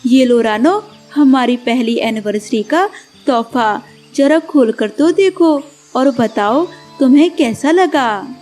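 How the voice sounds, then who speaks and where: A woman's voice: high voice, expressive, takes it slowly, a little mellow, soft background music, voice pushed down, heavily acted. A woman voicing a kind young male husband bird in a cartoon, talking in an affectionate, coaxing way.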